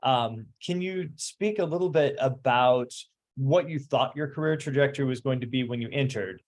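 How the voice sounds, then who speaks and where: A man hosting a casual interview, easygoing and often pausing to search for words. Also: medium pitch.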